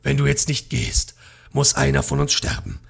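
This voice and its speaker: A man voicing a grim male swordsman who turned traitor, in a slow menacing tone, read from a book in a game. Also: medium pitch, completely flat delivery, vocal fry, slightly rough.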